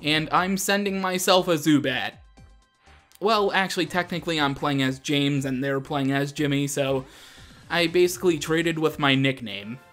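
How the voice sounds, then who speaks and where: Here a man's voice sits on the high side with a fairly bright tone and moderate pace. He's the host of a gaming show, chatting casually through gameplay and often teasing himself, while video game music plays underneath.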